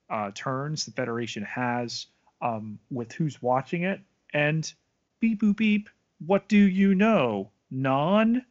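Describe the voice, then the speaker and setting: A man's voice: mid-range voice, lo-fi sound. A man co-hosting a podcast, recapping a TV episode in casual chat with dry, playful asides. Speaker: podcast co-host.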